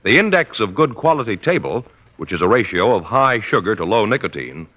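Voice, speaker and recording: Emphatic, lively-pitched male announcer. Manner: emphatic, measured delivery. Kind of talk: 1950s radio announcing. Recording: dull old radio broadcast.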